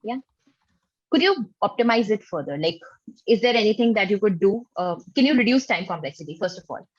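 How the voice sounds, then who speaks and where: Woman technical interviewer, reassuring, husky, dry lo-fi call sound. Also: medium pitch, expressive, fairly quick, no room sound. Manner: reassuring, patient, tentative phrasing. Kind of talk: formal but conversational mock interview. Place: online video call with screen sharing. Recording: dull lo-fi online call, dry.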